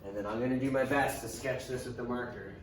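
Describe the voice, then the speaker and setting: A man's voice: medium pitch, steady tone, fast. A man teaching math to a class in a casual, chatty way, thinking aloud as he writes and dropping dry sarcastic remarks. He sounds distant from the mic in a very echoey classroom. A faint hiss sits under his voice. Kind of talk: classroom lecture.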